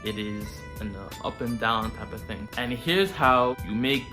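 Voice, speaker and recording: A man's voice: fairly low pitch, a little slow, sharp tone, soft background music. A man hosting a self-improvement series, talking straight to the viewer in a casual, slangy, informal way. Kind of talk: casual direct-to-viewer advice talk.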